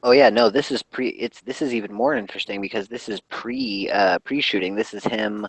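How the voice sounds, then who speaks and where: A man's voice: lowish voice, brisk, creaky, slightly rough, no echo, low-quality recording. A man in casual voice-call chat, hesitant and full of fillers. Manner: hesitant, filler-heavy, restarts.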